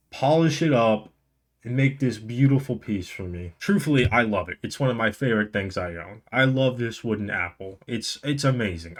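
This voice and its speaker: A young man telling a story casually to camera as a vlog host, enunciating carefully through a tongue and cheek left numb by the dentist, slightly slurred. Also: fairly low pitch. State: mouth numb on one side after the dentist, slightly slurred. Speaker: video host.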